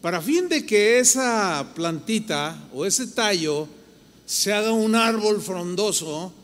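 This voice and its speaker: A man's voice: high-pitched, expressive, slow, a bit bright, big-room sound. A man with a Mexican accent, preaching a sermon to a church congregation in a conversational way. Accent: Mexican Spanish. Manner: conversational preaching, acts out listeners' voices. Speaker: pastor. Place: large church hall.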